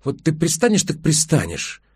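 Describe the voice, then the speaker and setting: A man's voice: on the high side, wildly swooping pitch, moderate pace, breathy edge, no room sound, studio quality, pitched above the performer's own voice, full character voice. A man voicing a moody, defiant young woman who snaps and sulks. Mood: snappish. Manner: petulant, snappish.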